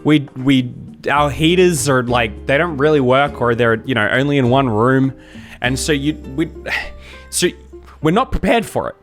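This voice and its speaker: An Australian man, a YouTuber and streamer, chats casually on a livestream in a rambling, jokey manner. His medium-pitched voice is unhurried, with soft music playing in the background.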